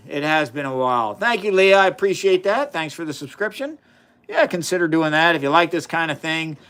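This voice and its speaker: Enthusiastic male science streamer, slightly high voice, chatty teacher tone. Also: a bit bright, clear, resonant tone. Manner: chatty, enthusiastic, reads chat aloud. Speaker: science livestream host. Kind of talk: casual live science demonstration.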